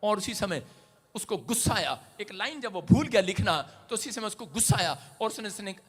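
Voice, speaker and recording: A man preaching as a pastor, his voice pitched very high for a man and ringing bright. He swings from shouted calls to the congregation down to hushed, hurried storytelling. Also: lively intonation, slightly rough. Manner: swings between shouted exhortation and quiet storytelling. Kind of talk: sermon.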